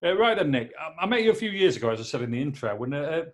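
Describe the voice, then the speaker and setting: A man's voice: a little high, very animated, very fast. A man hosting a podcast from his home office, chatting casually and joking as he rambles with many fillers. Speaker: podcast host. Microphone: laptop.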